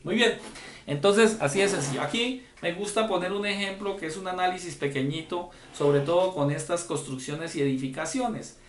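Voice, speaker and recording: A man's voice: high-pitched, normal speed, slight background noise. Lecturing man in an echoey room. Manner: explanatory, often checks with the audience. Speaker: lecturer on accounting and tax. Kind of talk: conference lecture. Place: conference room.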